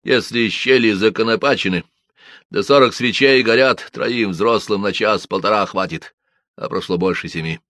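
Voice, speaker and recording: A man voicing a calm, precise detective who reasons aloud. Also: fairly low pitch, normal speed, no echo, clean studio sound. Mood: grim.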